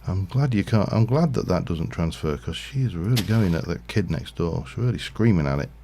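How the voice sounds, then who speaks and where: A man's voice: sits low, expressive, a little fast, mellow, slight background noise. A man casually commentating his Minecraft livestream, rambling and thinking aloud with lots of fillers. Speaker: streamer.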